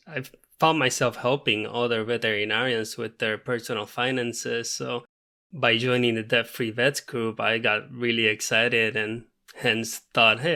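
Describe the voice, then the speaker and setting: Here the same kind of speaker sounds pushed and bright in the mid range: a thirtysomething veterinarian from Puerto Rico whose first language is Spanish, carrying a Puerto Rican accent. Interviewed on a podcast, he is sincere and measured, with fillers sprinkled throughout.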